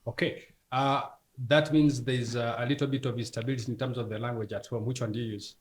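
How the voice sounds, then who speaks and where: Fast-talking male interview host. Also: mid-range voice, steady tone, breathy edge. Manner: brief prompting questions, back-channel murmurs. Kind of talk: interview questions.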